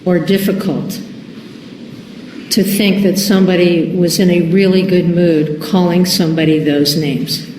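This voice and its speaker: A woman's voice: lowish voice, fairly even intonation, dark tone. Woman testifying, distant courtroom recording. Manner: careful, halting, with restarts. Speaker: expert witness. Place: large echoey courtroom. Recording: distant, reverberant courtroom recording with faint noise.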